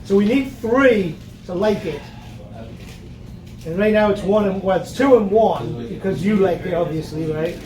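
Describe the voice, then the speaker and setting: With a high-pitched voice at a moderate pace, this man from Newcastle, England, keeps things chatty and jokey while hosting a beer tasting, filling his speech with fillers. Crowd chatter, an echoey room, and a distant mic mark the recording.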